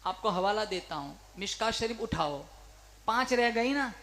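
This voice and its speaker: Male preacher, fervent sermon, bright forceful tone, rousing, calls for crowd answers. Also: high-pitched, lively intonation, normal speed.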